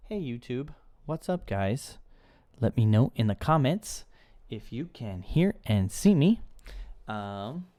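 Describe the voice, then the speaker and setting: Young male streamer, relaxed and rambling, smooth clear voice, talking to chat from a table. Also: medium pitch, slow. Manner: loose, rambling, chatty with viewers. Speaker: live-stream host. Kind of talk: casual live-stream chat. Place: indoors at a table, eating snacks.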